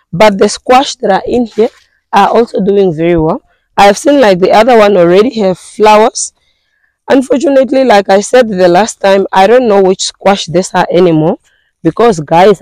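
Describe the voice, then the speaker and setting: Hoarse woman walking viewers round her backyard garden, lots of ums and restarts, mid-pitched, dry close sound. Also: moderate pace, darkish tone, dry recording, rough recording. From Namibia. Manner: chatty, hesitant, with many fillers and restarts. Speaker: gardening vlogger. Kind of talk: casual garden tour talk to viewers.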